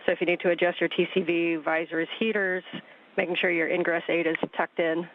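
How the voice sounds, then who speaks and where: A man acting as mission control communicator, giving calm, careful step-by-step instructions over radio. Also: fairly high pitch, brisk, a little hiss or hum. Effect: radio link. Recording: narrow-band radio link.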